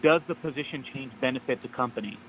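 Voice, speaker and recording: Man, phone caller on speaker, distant phone line, bright voice, faint room noise. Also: mid-range voice, quick pace. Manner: upbeat, gives step-by-step tips. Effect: heard over a phone line on speaker. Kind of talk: casual advice chat.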